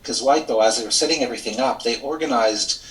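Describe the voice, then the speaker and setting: A man's voice: medium pitch, fast, fairly bright tone. A middle-aged man from Switzerland, a lawyer and mediator, telling his story candidly and articulately in an interview over a video call. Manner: articulate, candid, self-deprecating. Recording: echoey room, distant from mic.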